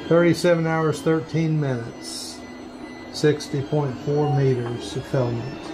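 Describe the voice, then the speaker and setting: A man running a 3D print farm, talking slowly and plainly step by step while he works in a workshop full of printers. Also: fairly high pitch, steady tone, background noise. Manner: slow, plain step-by-step explaining while working. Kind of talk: hands-on workshop demonstration.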